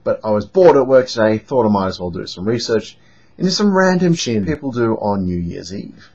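A man's voice: fairly low pitch, brisk, breathy edge. Sarcastic young Australian man. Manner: lively, mocking, emphatic. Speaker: vlogger. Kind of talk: sarcastic casual vlog monologue. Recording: dull lo-fi home recording.

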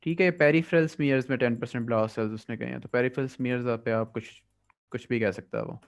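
A man's voice: mid-range voice, creaky. Pakistani man tutoring through exam questions. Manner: reads English questions slowly, explains quickly in Hindi-Urdu. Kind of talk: past-paper review lecture. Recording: dull lo-fi audio.

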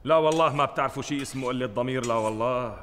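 An actor playing a barking Syrian interrogator. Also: male voice, medium pitch, racing, a bit bright, slight background noise, close to an everyday voice. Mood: barking scorn. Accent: Syrian Arabic. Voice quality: gruff, barking, contemptuous. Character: harsh bullying male interrogator, middle-aged. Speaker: interrogating official. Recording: reverberant studio set.

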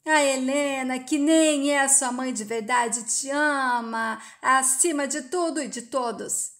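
A stern mature woman in a storybook-style retelling, lecturing hard and giving no ground, as a woman narrator puts her on. Her voice sits a little high, and she keeps a harsh, moralizing edge. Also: slow pace, fairly bright tone.

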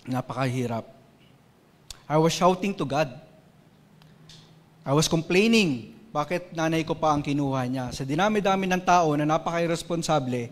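A man's voice: fairly high pitch, moderate pace. A Filipino man preaching a sermon in a church, telling a personal story with earnest, sometimes emotional feeling. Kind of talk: sermon mixing Tagalog and English. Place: church hall. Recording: long hall reverb.

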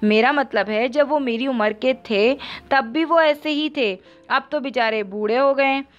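Cheeky stubborn young guy, as a lady reader does him in an audiobook, smooth high voice, bit muffled sound. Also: normal speed, soft background music, natural voice. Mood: teasing. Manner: playful, mischievous. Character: teasing stubborn young man.

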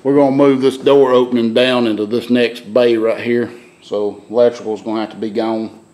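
A man's voice: mid-range voice, level tone, moderate pace, a little mellow. Plainspoken middle-aged man touring a gutted house. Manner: plainspoken, rambling with restarts and drawled Southern phrasing. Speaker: homeowner renovating his farmhouse. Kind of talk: casual walkthrough narration. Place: gutted old wooden farmhouse rooms, indoors. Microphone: handheld camera, filming while walking.

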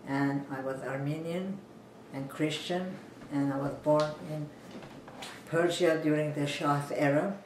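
A woman from Iran in her nineties, a physician, tells her life story to an interviewer, seated still on a living-room sofa and speaking in a measured, plain way. Her voice sits low with fairly even intonation. A distant camera captures her in this home recording, with roomy echo and a faint hum of ambience.

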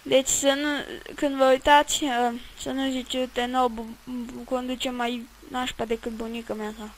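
A woman's voice: high-pitched, level tone, slight background noise, poor audio. A woman giving rambling, chatty commentary while playing a video game, swearing at it now and then. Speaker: let's play gamer. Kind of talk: casual gameplay commentary.

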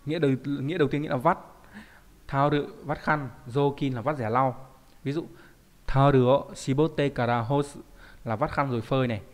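A man's voice: medium pitch, steady tone, fairly quick. A man teaching a Japanese kanji lesson, explaining in a conversational way and often asking rhetorical check questions.

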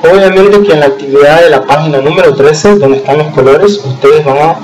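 Man, English teacher, fairly high voice, patient and slow, checks in often. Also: poor audio. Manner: patient, explains slowly with frequent "¿sí?" checks; slows down to spell out English example sentences. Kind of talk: recorded remote lesson over slides.

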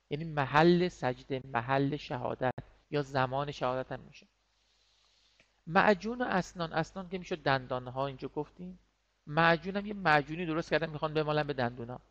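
A male teacher with a slightly high voice walks students through vocabulary, patiently repeating each word and pausing on fillers. The sound is dull and lo-fi, as if heard from an online class recording. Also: a bit bright. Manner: explains words patiently, repeats them, many fillers.

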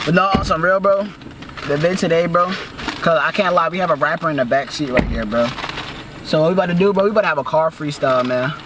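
A young man hosting a vlog from inside a car, talking casually with friends, excited, and saying "bro" all the time. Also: a little high, fast talker, far from the mic, noisy background. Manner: excited, loud reactions, says "bro" constantly. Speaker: vlog host. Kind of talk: casual chat, hyping friends. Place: inside a parked car at night.

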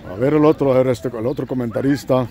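Gravelly Mexican man calling a soccer game. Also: medium pitch, fairly even intonation, fast talker, a little hiss or hum. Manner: shouts encouragement at players, jokes with himself. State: has a cold. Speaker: amateur soccer commentator. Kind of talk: excited play-by-play commentary. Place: outdoors at a local soccer field.

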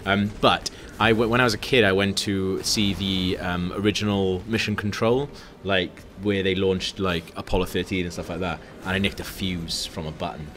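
A man's voice: deep voice, fairly even intonation, normal speed, fairly bright tone, a little hiss or hum. A young man co-hosting a casual chat, rambling with lots of fillers and frequent laughter. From Wales. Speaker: podcast co-host.

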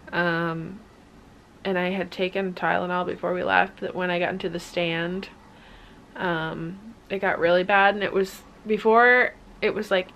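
Young woman vlogger, gravelly, chatty and unscripted, quiet hiss behind. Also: mid-range voice. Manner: rambling, filler-heavy, candid. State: out of breath. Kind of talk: casual vlog chat. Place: hunting blind outdoors; home indoors.

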